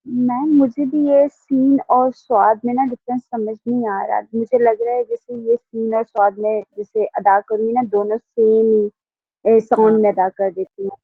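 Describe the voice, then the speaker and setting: Woman student, hesitant questions, husky voice, dry tinny phone-line sound. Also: on the high side, no echo. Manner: hesitant, unsure questioning with fillers.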